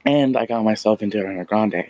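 A man's voice: on the low side, quick pace, a little mellow, no room sound, low-quality recording. A man chatting casually and enthusiastically to camera outdoors, rambling and repeating himself as he talks. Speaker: vlogger. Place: outdoors in the cold, street traffic nearby.

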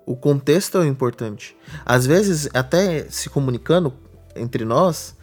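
A Brazilian man of middle pitch talks through a technical subject in casual podcast chat. He explains patiently, leaning on everyday examples. Faint music sits under his voice. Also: expressive, unhurried, a little mellow, slightly rough. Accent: Brazilian Portuguese.

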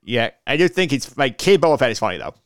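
A young man hosts a casual podcast, moving the talk along quickly. His voice is smooth and crisp, and he speaks at a brisk clip. The sound is dry and close. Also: mid-range voice, very animated, dry recording. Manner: quick, upbeat, wrapping up segments. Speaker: podcast host.

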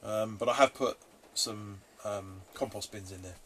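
A man's voice: lowish voice, fairly even intonation, a little slow, fairly bright tone. A man from England with a southern English accent, chatting informally as a podcast co-host, thinking aloud in a matey way. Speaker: podcast co-host on allotment gardening. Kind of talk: casual chat. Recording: noisy background, rain on roof. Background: rain drumming on the roof.

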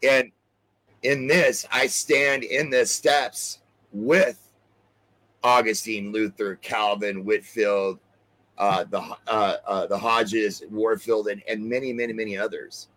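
A man preaching a sermon, explaining scripture verse by verse, often halting on repeated words and asking "right?". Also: fairly low pitch, fairly even intonation, a bit bright, poor audio. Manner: expository, cites scripture verses.

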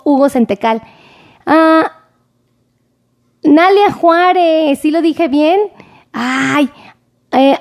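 A Mexican woman doctor hosting a live stream, chatting warmly and greeting viewers by name. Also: sits high. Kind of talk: casual live-stream chat reading viewer comments.

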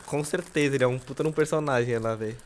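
Man, casual podcast chat, slangy, swearing, mid pitch. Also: very fast. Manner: slangy, swearing, laughs often. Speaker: podcast co-host.

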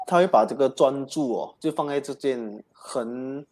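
A man's voice: mid-range voice, a little slow, darkish tone. A man hosting an advice show, talking casually with many fillers. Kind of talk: casual radio talk.

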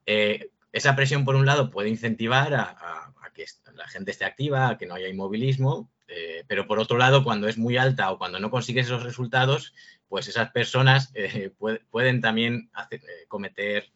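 A man talks as a guest researcher in a panel discussion. His voice is bright and on the low side, and he reasons in a measured way with small hesitations. The sound is dull and lo-fi. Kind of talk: explanatory panel talk.

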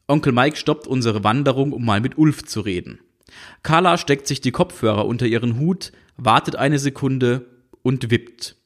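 A man reading a comic novel aloud, with wry, dry ironic storytelling. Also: medium pitch. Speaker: audiobook reader. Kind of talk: scripted narration of a comic novel.

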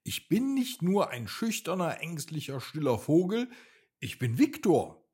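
A man's voice: on the high side, sing-song, measured pace, a little mellow, husky, voice pushed up, full character voice. A man voicing a small young male bird, shy but determined, in a bedtime storybook reading. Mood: frustrated.

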